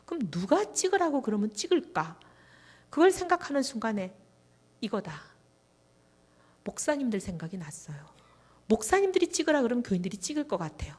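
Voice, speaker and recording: A woman's voice: a little high, brisk, long pauses, husky. A middle-aged woman speaking as a guest at a church revival meeting, telling a testimony and acting out prayers and conversations. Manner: animated storytelling, acting out prayers and dialogue. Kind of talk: testimony sermon.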